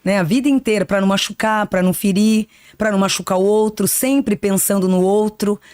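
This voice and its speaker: This podcast interview features a woman in her fifties, a psychic, whose talk is earnest, reflective and spiritual, peppered with "né." She speaks briskly at a medium pitch with a darkish tone, and the recording is dry and studio quality.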